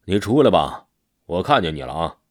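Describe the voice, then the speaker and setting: A man's voice: fairly low pitch, big pitch swings, fairly quick, darkish tone, no room sound, clean studio sound. A man voicing a bold young village butcher who speaks bluntly and directly. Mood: calling out.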